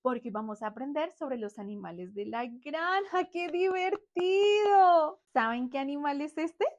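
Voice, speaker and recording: A woman's voice: high voice, expressive, normal speed, lo-fi sound. A young woman teaching small children in a cheerful, exaggerated sing-song manner, and sometimes imitating animal sounds.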